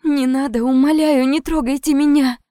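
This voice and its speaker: A woman's voice: sits high, fairly even intonation, normal speed, dark tone, no room sound, clean studio sound, voice pushed up, lightly acted. A woman voicing a terrified young woman who pleads tearfully with her attackers. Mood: pleading.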